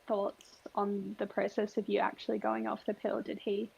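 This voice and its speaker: A woman's voice: mid-range voice, completely flat delivery, normal speed, gravelly, breathy edge, lo-fi sound. A woman in her twenties co-hosting a podcast, talking candidly and casually with frequent agreeing responses. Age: 20s. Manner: candid, frank, eager backchannels. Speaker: podcast co-host. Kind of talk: casual chat.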